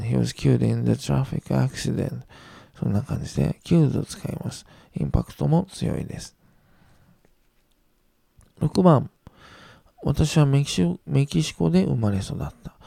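A man teaching English grammar, patiently repeating each example sentence slowly and reassuring his students. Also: medium pitch, vocal fry, dark tone, dry recording, clean studio sound. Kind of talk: recorded grammar lesson.

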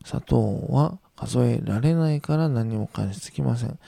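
A man teaching a grammar lesson in a deeply gravelly, dark voice. He reads example sentences slowly and patiently, repeating them with gentle reassurance. The sound is dry and close. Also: no echo. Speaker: English teacher.

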